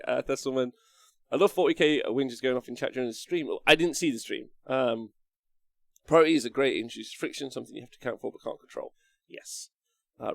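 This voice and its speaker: A man with a mid-range voice hosts a casual livestream, recorded very dry. He rambles between reading viewer messages and giving his own takes, slipping into animated mimicry as he tells a story. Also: mid-range voice, gravelly, no room sound. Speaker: streamer host reading and answering live chat. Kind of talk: casual livestream chat about tabletop wargaming.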